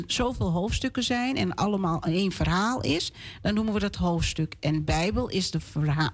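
A woman on children's radio reading a Bible story aloud in a clear, expressive way. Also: fairly low pitch.

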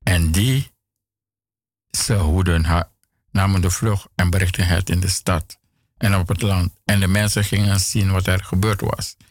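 A man reading a scripture passage aloud in a measured, deliberate way, adding short comments of his own. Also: low-pitched, fairly even intonation, no echo, studio quality. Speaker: Bible reader.

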